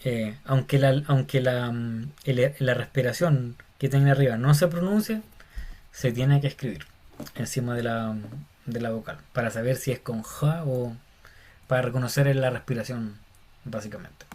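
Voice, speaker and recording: A man's voice: medium pitch, moderate pace, darkish tone. A man teaching a Bible Greek lesson, explaining step by step in an informal, friendly way and calling listeners "hermano". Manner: casual, addresses listeners as "hermano", many fillers. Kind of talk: informal lecture.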